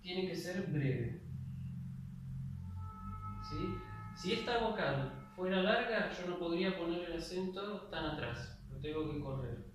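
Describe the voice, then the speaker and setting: A young Argentine man teaches a class in a slightly high voice. The room rings with heavy echo, and he sounds set back from the mic. A faint hiss runs underneath as he explains patiently, checking in after every point. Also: lively intonation, unhurried, long pauses. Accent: Argentine Spanish. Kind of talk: classroom lecture. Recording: very echoey room, voice far from the mic, faint noise.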